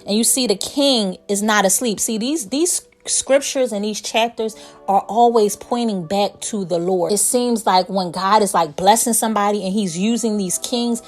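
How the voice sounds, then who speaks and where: A woman with a mid-pitched voice shares a prophetic message as an informal sermon. She talks conversationally and colloquially, addressing listeners directly as if chatting with them. Her storytelling is animated. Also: normal speed, faint music behind. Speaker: online preacher sharing a prophetic word.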